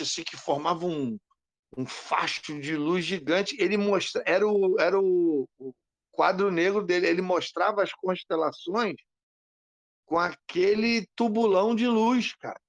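Man, gravelly, fairly high voice, dry close mic, animated storytelling. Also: measured pace, no echo. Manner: animated, acts out quoted lines. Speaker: podcast co-host. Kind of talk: casual storytelling.

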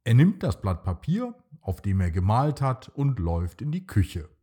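A man narrating a bedtime story for children in a slow, soothing, expressive reading. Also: fairly low pitch, slightly rough.

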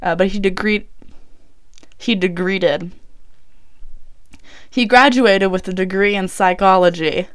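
A woman's voice: mid-range voice, fairly even intonation, slow pace, pauses often, clear, resonant tone. A young woman recording inside a closet, telling a true crime story in a rambling, chatty way full of fillers and self-corrections. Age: young adult. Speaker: college student vlogger. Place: small clothes closet, recording indoors.

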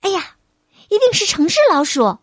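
A woman voicing a cheerful, sweet little country mouse in a storybook reading, gentle and eager. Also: very high voice, sing-song, moderate pace, no echo, voice pushed up. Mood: excited.

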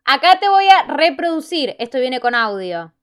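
A young woman with a Rioplatense Spanish accent, chatting casually over a film quiz with a friend, relaxed and teasing. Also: high voice, normal speed. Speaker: quiz player. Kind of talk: casual chat.

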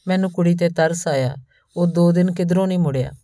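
Low-voiced woman reading a story. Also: fairly quick, dry recording, studio quality. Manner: calm, even storytelling, voicing both the male narrator and the woman. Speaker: audiobook narrator. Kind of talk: scripted story narration.

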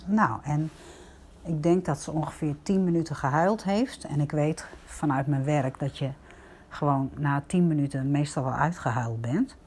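An older woman, a grandmother, gently telling viewers a personal story in a reflective, casual way. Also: deep voice, normal speed, a little hiss or hum.

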